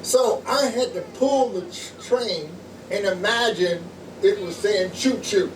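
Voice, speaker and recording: A high-voiced man preaches slowly, one short phrase at a time, pausing for his interpreter. He is picked up from across an echoey little room, with loud noise all around him. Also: recorded from a distance. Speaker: pastor. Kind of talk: sermon with interpreter. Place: small home church.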